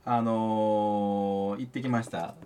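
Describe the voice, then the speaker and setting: A man's voice: lowish voice, steady tone, takes it slowly, dark tone, soft background music. A man from Osaka with a Kansai accent, hosting a podcast and telling a rambling, chatty story in casual talk. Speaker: podcast host. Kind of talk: casual chat.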